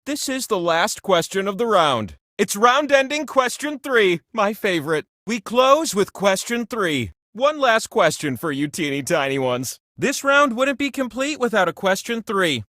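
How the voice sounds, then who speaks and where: A giant talking wheel running a video game quiz show. The voice is high and swoops all over with boastful, theatrical flair. It teases players playfully in a grand, folksy way, captured very dry and close. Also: male voice, very animated, measured pace, few pauses, pushed and bright, no echo, exaggerated voice. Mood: showy, playful. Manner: grandiose, teasing, folksy showmanship.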